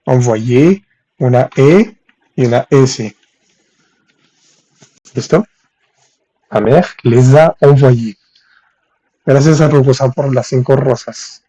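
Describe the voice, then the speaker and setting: A man teaching French in on a live stream, reading viewers' comments and saying French examples slowly. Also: medium pitch, mellow, breathy edge. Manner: reads viewers' chat, thanks them for gifts, spells French slowly. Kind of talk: live-streamed language lesson.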